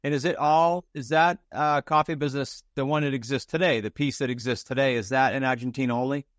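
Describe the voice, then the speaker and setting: In clean, studio-quality sound with no echo, a man hosts a podcast, giving an upbeat intro and interview chat. His medium-pitched voice stays fairly even and brisk, and he speaks informally and emphatically, repeating words to stress them.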